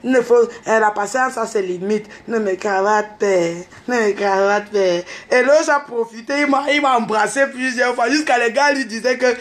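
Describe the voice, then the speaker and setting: A woman, telling a story in an animated, unscripted rant to camera and mixing in street slang. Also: on the high side, normal speed, few pauses. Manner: exclaims and calls out to others. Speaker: online video host.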